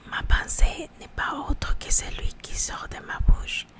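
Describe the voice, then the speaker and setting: Casting: female ASMR reader, hushed library whisper, unhurried and slightly halting scripture reading. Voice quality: hushed library-style whisper, mostly unvoiced. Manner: slow, halting reading with repeated words.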